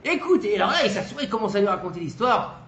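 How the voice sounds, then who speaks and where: A man's voice: high voice, fast talker. A man teaching Torah through a casual, colloquial story told with animation. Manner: lively, colloquial, animated retelling. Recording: echoey room, faint background noise.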